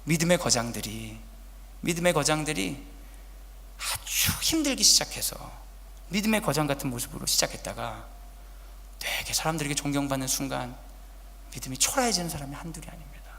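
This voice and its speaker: A male pastor preaching a sermon at a church service, swinging between loud urgent lines and hushed whispers and asking the congregation direct questions. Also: on the high side, expressive, fairly quick. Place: church sanctuary, Friday service. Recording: long church hall reverb.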